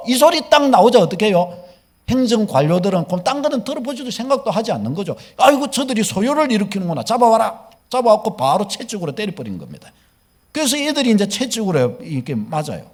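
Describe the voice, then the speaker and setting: A man's voice: high voice, darkish tone. A male pastor, preaching a sermon and telling the story with questions to the congregation.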